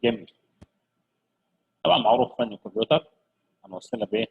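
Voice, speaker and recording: Gravelly teacher coaxing kids. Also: male voice, sits high, phone-quality sound. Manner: lively, coaxing, repeats words slowly for pupils. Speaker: English teacher. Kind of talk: children's vocabulary lesson.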